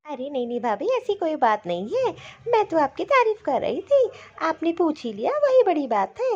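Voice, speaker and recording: A woman's voice: high voice, big pitch swings, normal speed, darkish tone, highs cut off. A woman voicing a friendly young college-going sister-in-law who sweetly compliments her brother's new wife.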